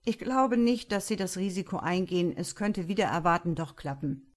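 A woman voicing a grumpy, cynical male police detective in a crime audiobook, with gruff sarcastic remarks. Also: lowish voice, normal speed, lightly acted.

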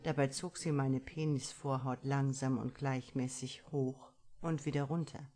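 In a deep, low voice, a woman reads a first-person story aloud. She is an audiobook reader whose measured, expressive narration has the steady flow of a practiced professional.

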